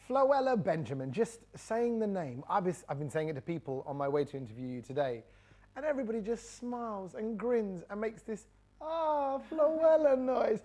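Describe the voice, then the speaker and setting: A man's voice: high-pitched, very animated, normal speed, dark tone. A man interviewing a guest for television, asking questions in a friendly, enthusiastic way.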